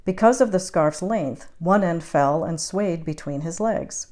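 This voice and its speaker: A woman narrating a romance audiobook in the first person, measured and intimate. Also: lowish voice, darkish tone. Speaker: audiobook reader.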